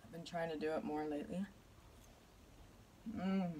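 A woman's voice: deep voice, fairly even intonation, moderate pace, mellow, slight background noise. A woman from Canada hosting a casual eating vlog at home, chatty and nervous, laughing between bites. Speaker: mukbang YouTuber.

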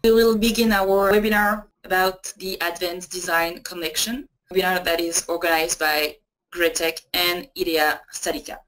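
Lowish-voiced woman hosting a webinar. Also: fairly even intonation, normal speed, fairly bright tone, poor audio. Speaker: marketing manager hosting webinar. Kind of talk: webinar introduction.

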